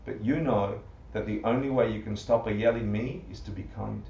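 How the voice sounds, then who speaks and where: A man teaching a Buddhist class live to an audience, animated, full of rhetorical questions and often laughing. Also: fairly low pitch, fairly quick, gravelly, a little hiss or hum. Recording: roomy, distant, muffled livestream audio.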